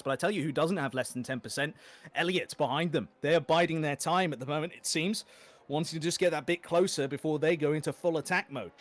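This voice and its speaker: A man calling a sim race play by play, rapid and excitable as the action unfolds. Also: on the high side, a little hiss or hum. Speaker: race commentator. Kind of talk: play-by-play sim racing commentary.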